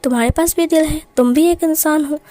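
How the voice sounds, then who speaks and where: A woman's voice: high voice, fairly quick, dark tone, dry recording, voice pushed up, natural voice. Woman voicing a lovestruck, stubborn young man. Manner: sweet, insistent, playful.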